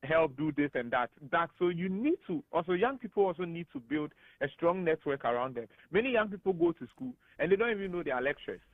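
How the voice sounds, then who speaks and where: A man with a Ghanaian English accent, speaking as a guest analyst on a radio talk show, animated and emphatic. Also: fairly high pitch, quick pace, few pauses, no room sound. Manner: animated and emphatic, laughs often. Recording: tinny phone-like radio studio sound.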